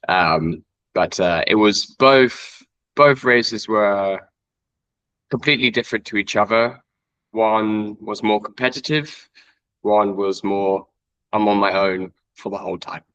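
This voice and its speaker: A man's voice: on the low side, a little slow, a bit bright, clean tone, no echo, muffled recording. A man in his twenties from Iceland, a guest trail runner chatting casually in an interview, rambling with many fillers and self-corrections. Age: 20s.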